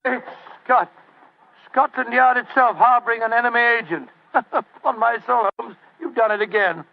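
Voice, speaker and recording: Fretful English doctor, high-pitched, gravelly creak, blustering, British accent, tinny vintage radio sound. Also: male voice, fairly even intonation, moderate pace. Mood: astonished, admiring. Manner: blustering, grumbling. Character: fretful, loyal middle-aged English doctor sidekick. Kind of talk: old-time radio drama acting. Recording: tinny old-time radio recording.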